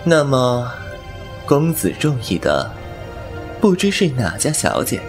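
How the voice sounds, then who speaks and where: In this Chinese audio drama, a man voices the lead, a fox spirit painter who narrates his own tale with music behind him. He uses a full character voice, mid-range with huge pitch swings, taking it slowly in a languid, wry manner with teasing and soft laughter.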